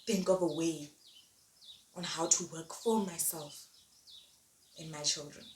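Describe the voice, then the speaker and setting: A woman's voice: sits low, steady tone, slow. A young woman giving a motivational monologue, talking emphatically and repeating her key phrases. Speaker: vlogger. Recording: echoey room, distant mic, faint noise.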